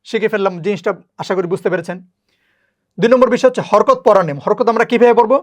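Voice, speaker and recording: Patient Quran reading teacher. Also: medium pitch. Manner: patient, repeats rules slowly. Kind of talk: step-by-step lesson.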